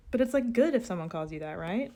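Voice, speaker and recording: A woman's voice: on the high side, mellow. A young woman, chatting casually and giggling with her live-stream chat. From United States.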